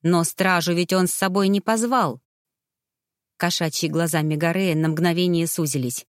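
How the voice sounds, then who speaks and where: A woman narrating a fantasy audiobook in an expressive, dramatic storytelling manner. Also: on the low side, normal speed, dry recording, studio quality.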